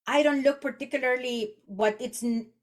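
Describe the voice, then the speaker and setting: Her voice is high-pitched and moderately paced. She is a Mexican executive coach in her forties, a native Spanish speaker with a Mexican accent, musing conversationally on a podcast and often restarting what she says.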